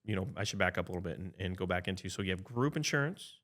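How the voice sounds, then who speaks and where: A man of about fifty, an insurance advisor, explaining coverage in a relaxed podcast chat, often checking in with "right?" and restarting sentences. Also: low-pitched, rapid-fire. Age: 50s. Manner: chatty, frequent "right?" tag checks and restarts.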